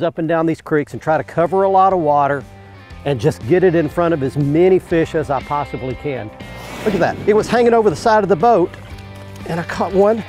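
A middle-aged man hosting a fishing show from a boat on a lake, explaining technique and getting excited when a fish bites. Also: fairly high pitch. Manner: explanatory, bursts into excited asides on catches. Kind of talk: on-the-water fishing instruction.

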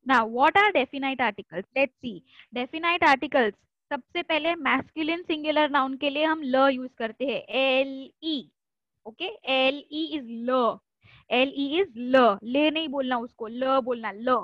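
A woman's voice: sits high, slow, no echo, lo-fi sound. A woman teaching an online French class, mixing Hindi and English, repeating pronunciations and quizzing students by name. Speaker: French tutor.

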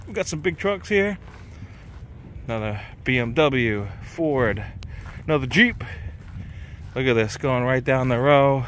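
A man in his thirties vlogging casually while walking through an outdoor car lot, excited and chatty, filmed on a handheld camera at arm's length. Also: mid-range voice, slight background noise. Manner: excited, chatty, laughs often. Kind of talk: casual vlog walkthrough. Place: outdoor impound parking lot.

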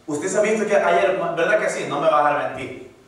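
A man preaching a sermon as pastor, calling out to the congregation, swinging from loud exclamations to hushed asides. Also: a little high, fairly quick. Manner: call-and-response preaching. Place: church hall. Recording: very echoey hall, from far off.

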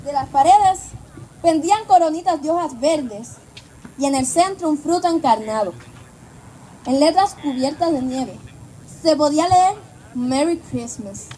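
Woman stage narrator, very high voice, slow storytelling delivery, noisy outdoor amateur recording. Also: expressive, dark tone. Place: outdoor tented stage at night.

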